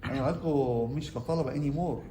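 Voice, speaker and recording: A man's voice: medium pitch, fast, mellow, reverberant, slight background noise. A man with an Egyptian Arabic accent, a surgeon giving an orientation lecture to medical interns. He quizzes the class and switches between Arabic and English medical terms.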